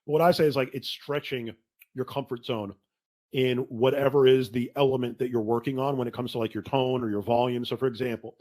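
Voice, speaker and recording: A man hosting a casual podcast conversation, telling stories in an animated way and saying "dude" a lot. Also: medium pitch, fairly quick.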